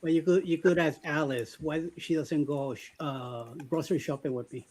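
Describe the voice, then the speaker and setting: Man, chat show guest, fairly high voice, jokey, laughs between lines. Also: fairly even intonation, normal speed, darkish tone, slight background noise. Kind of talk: casual chat on a live show.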